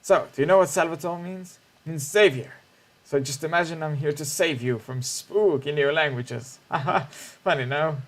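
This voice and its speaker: A man's voice: fairly high pitch, normal speed, lightly acted. A man reading aloud the lines of a cheerful, jokey male language teacher from a game, in a playful lecturing manner.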